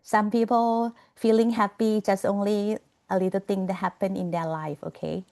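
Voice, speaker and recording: On a video call, a woman lecturer runs an online class at normal speed with a mid-range, level, darkish voice. Frequent laughter and check-ins like "okay?" and "you know" keep her chatty style going.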